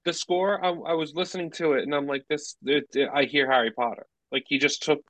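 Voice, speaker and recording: A man's voice: a little high, steady tone, fairly quick, a bit bright, dry recording, low-quality recording. A man co-hosting a movie podcast in casual chat, rambling and restarting his sentences. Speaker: podcast co-host.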